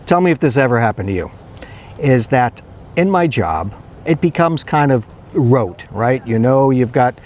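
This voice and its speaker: A man's voice: medium pitch, lively intonation, normal speed, a little mellow, slight background noise. An older man telling a rambling, self-deprecating story in a casual vlog. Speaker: retiree vlogger and pizza delivery driver.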